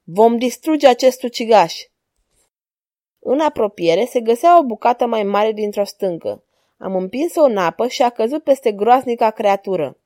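A woman narrating a story in a calm, even reading voice. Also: on the high side, no echo, clean studio sound.

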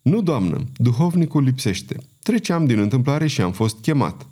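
Man voicing a calm monk, measured, cool, mellow tone, audiobook. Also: medium pitch. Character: calm young monk hearing a confession. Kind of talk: audiobook character reading.

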